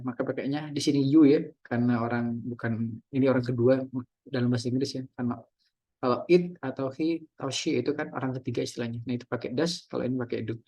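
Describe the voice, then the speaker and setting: A man teaching English grammar in a relaxed way, reading out example questions and translating each one. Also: medium pitch, muffled recording. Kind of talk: casual classroom explanation.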